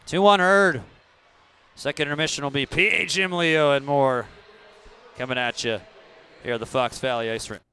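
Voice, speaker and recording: A man's voice: medium pitch, steady tone, a little fast, sharp tone, clear, resonant tone. A man calling hockey as a play-by-play broadcaster, with conversational, loosely phrased live commentary. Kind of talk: live sports commentary with promotional reads.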